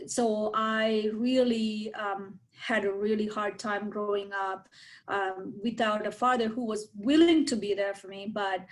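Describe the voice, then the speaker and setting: A woman from Sri Lanka shares her story as a panel guest. She speaks slowly and hesitantly, filling gaps with many fillers. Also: mid-range voice, rough recording. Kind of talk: personal testimony.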